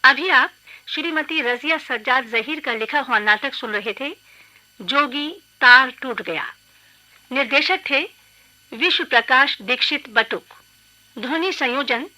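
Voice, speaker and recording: Woman, radio announcer, formal, measured, bright tone. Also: sits high, poor audio.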